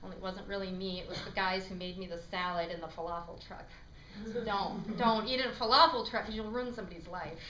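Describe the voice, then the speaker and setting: A woman's voice: mid-range voice, steady tone, fast, bright, forceful tone. A woman improv performer telling a chatty comic monologue with many ums, on a small theater stage. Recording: echoey stage from far off, faint noise.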